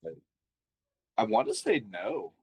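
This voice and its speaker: A man's voice: lowish voice, huge pitch swings, slow pace, slightly rough, low-quality recording. A man commentating on a card game match, thinking aloud and asking analytical questions about the plays.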